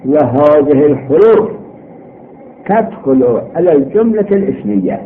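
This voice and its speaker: Animated male seminary teacher on worn tape. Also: fairly high pitch. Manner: didactic, drawn-out reading, asking and answering own questions. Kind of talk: grammar lesson, reading a text aloud and explaining it line by line. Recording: old worn tape, muffled narrow band, faint noise.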